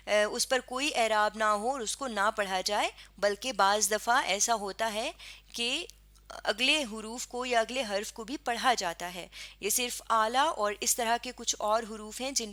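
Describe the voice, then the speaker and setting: A woman with a Pakistani Urdu accent teaching a lesson, patiently spelling out sounds and repeating words slowly. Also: fairly high pitch, sharp tone. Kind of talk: classroom lesson explaining pronunciation.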